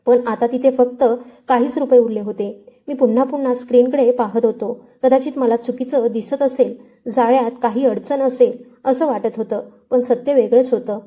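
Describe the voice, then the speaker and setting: Dark-toned woman narrating a suspense story. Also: fairly high pitch, steady tone. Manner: measured, dramatic storytelling. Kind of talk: scripted first-person suspense narration.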